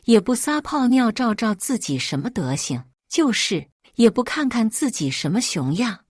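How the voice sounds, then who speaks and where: Woman reading arrogant middle-aged father, contemptuous, bullying, lively pitch. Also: normal speed, husky, no echo, studio quality.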